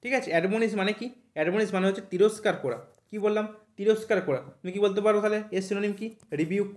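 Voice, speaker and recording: Male tutor, quick high voice, keeps checking "thik ache?", roomy echo. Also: darkish tone. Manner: repeats "thik ache?" after nearly every point, spells words out slowly. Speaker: English teacher for exam preparation. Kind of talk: online vocabulary lesson.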